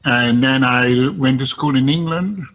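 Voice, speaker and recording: An older man from Trinidad, a guest recounting his career in a relaxed, hesitant way. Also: medium pitch, measured pace, rough recording. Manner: hesitant, many ums and restarts. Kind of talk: casual interview talk.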